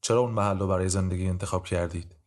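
A man voicing a stern, impatient male judge who questions in brisk, curt sentences. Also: low-pitched, fairly even intonation, a little mellow, natural voice.

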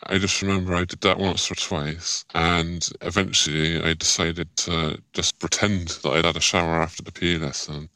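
A man's voice has been disguised and pushed very low, yet it still sounds bright and sharp. He speaks hesitantly and restarts often as an interview guest. The recording is dry and close. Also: flat delivery, normal speed, few pauses, dry recording. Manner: hesitant, self-conscious, frequent restarts. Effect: disguised voice, pitched down deep. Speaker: podcast guest. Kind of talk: candid personal interview.

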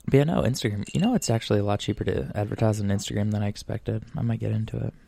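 A man's voice: on the low side, rapid-fire, gravelly, mellow. A man from Arizona co-hosting a podcast, chatting casually and joking with plenty of fillers. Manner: rambling, joking, lots of fillers. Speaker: podcast co-host. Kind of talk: casual chat.

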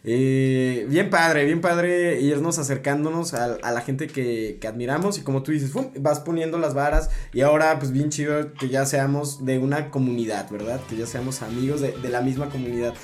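A man with a Mexican Spanish accent hosting a podcast, slangy and halting, with restarts. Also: medium pitch, fairly even intonation, faint music behind. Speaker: podcast host. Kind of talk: casual podcast chat.

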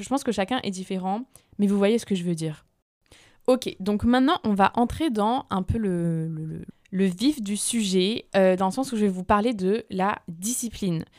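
A woman's voice: mid-range voice, darkish tone, no room sound, clean studio sound. A young adult woman hosting a casual solo podcast, chatty and slangy with lots of fillers. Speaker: podcast host.

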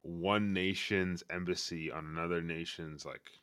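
Enthusiastic deep-voiced male podcast host. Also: fairly even intonation, unhurried, fairly bright tone, clean tone, no echo, clean studio sound. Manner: enthusiastic, rambling. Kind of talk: casual chat.

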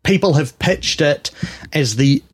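Male podcast co-host, slightly higher voice, casual rambling banter with jokes. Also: animated, measured pace, husky. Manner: rambling, jokey, with frequent laughs and restarts. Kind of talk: casual film podcast chat.

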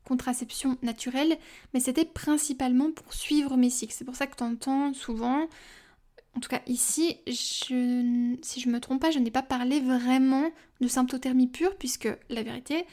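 A woman's voice: sits high, fairly even intonation, moderate pace, mellow. A young woman hosting a podcast, talking casually and personally with many fillers and asides. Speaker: podcast host.

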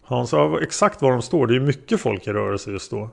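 A man's voice: medium pitch, animated, creaky, darkish tone. Man reading as hesitant taxi driver witness. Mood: calm. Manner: hesitant, plain-spoken answers.

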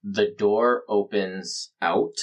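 A man's voice: lowish voice, very slow. A man running a tabletop game as game master, describing scenes in a chatty way full of fillers.

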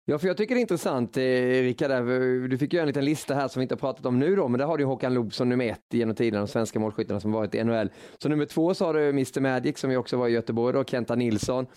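Mellow male sports talk host, dry sound. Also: mid-range voice, few pauses, clear, resonant tone, dry recording. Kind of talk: conversational sports talk hosting.

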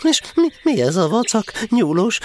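An actor playing a small, timid, fretful but polite piglet in a children's radio play. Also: male voice, high voice, very animated. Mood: puzzled. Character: small, timid, anxious, well-meaning male piglet. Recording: clearly audible background noise.

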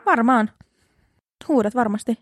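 A woman's voice: fairly high pitch, no echo, clean studio sound. A young woman co-hosting a podcast, in casual chat with teasing, wry banter. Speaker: podcast co-host.

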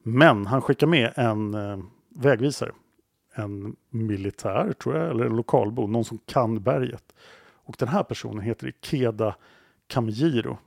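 A man's voice: medium pitch, vocal fry, no room sound, studio quality. A man hosting a podcast, narrating a story dramatically and building suspense. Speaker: podcast host.

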